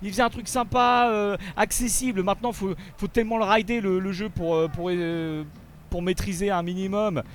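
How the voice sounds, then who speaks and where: A man giving gameplay commentary as a video host, animated, often swearing and yelling in frustration. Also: sits high, normal speed, a little hiss or hum.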